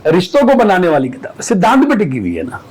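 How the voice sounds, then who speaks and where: A man's voice: high voice, huge pitch swings, quick pace, a little mellow, slightly rough, rough recording. A man speaking as an astrologer guest on a podcast, explaining steadily with everyday examples from family and school life.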